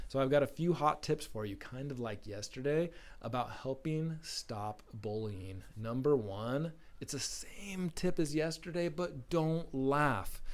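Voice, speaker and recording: A man's voice: mid-range voice, darkish tone. A man leading a recorded school assembly for young children, speaking in a friendly, encouraging, simple way.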